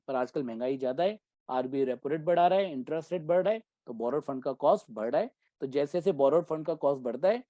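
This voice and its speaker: Mellow-voiced man teaching a class. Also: on the high side, dry recording. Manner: keeps checking in with students; mixes Hindi with English terms. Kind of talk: exam-prep commerce lecture.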